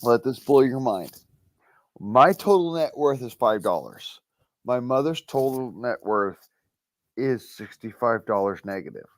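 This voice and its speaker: A man's voice: mid-range voice, animated, a little slow, dry recording. A man with an Arkansas accent chatting casually, insistent and repeating himself for emphasis. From United States, Arkansas. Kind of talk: casual chat.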